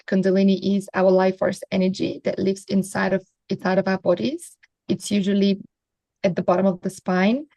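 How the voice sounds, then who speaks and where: A woman from Bulgaria, a Kundalini teacher, giving calm, flowing interview answers. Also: mid-range voice, dry recording. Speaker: guest.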